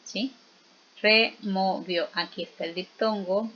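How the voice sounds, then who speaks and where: A woman teaching a spelling lesson, explaining slowly and patiently and often checking in with her students. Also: medium pitch, a bit bright, muffled recording. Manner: slow, patient explaining with frequent check-in questions.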